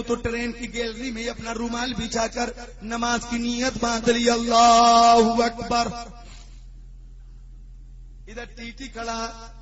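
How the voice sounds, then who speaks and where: ایک مولانا جو مزاحیہ قصے سنا کر وعظ کرتے ہیں اور جوش میں آ کر بلند آواز سے پکارتے ہیں، سامعین سے جواب بھی منگواتے ہیں۔. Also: male voice, very high-pitched, highs cut off. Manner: storytelling, rising to fervent shouted climaxes; urges the audience to respond. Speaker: preacher. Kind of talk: sermon with humorous anecdotes.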